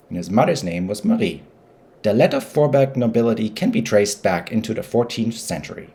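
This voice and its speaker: A man with a German accent hosting a history channel, narrating history in a careful, measured way. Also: lowish voice, a little mellow.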